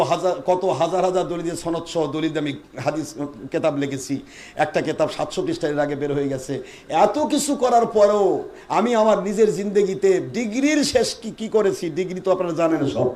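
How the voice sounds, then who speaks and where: A man's voice: sits high, a little mellow. A man preaching a Bengali religious sermon at a gathering, scolding and firing rhetorical questions at the crowd to draw call-and-response.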